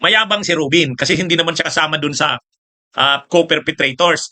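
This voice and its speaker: A man's voice: on the high side, brisk, sharp tone. A man giving mocking political commentary, laughing often and tossing in "ha?" and "oh" between remarks.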